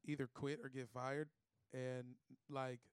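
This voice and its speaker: Smooth-voiced man telling comic stories. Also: mid-range voice, little pitch movement, unhurried, no room sound. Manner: loose, profane, acts out quoted voices. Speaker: comedian guest. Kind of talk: casual comic storytelling.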